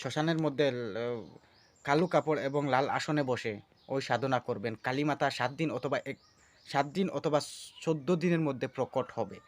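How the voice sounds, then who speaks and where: A man's voice: mid-range voice, moderate pace. A man giving casual spoken instruction for his channel, earnest and repeating himself. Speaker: channel host teaching a ritual.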